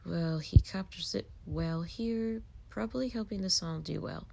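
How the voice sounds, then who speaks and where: A woman hosts a casual podcast, reading articles aloud at a slow pace in a gravelly, often half-whispered voice. She wanders and pauses to react as she goes. Clear background noise runs under her voice. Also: fairly low pitch. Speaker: podcast host.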